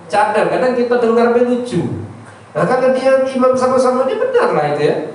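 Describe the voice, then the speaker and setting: A man's voice: very high voice, big pitch swings, fairly quick. Man teaching in an echoey prayer room. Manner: conversational, often adds "ya" and "ya tak". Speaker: religious teacher. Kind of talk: informal religious lesson. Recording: echoey room, distant mic, faint noise.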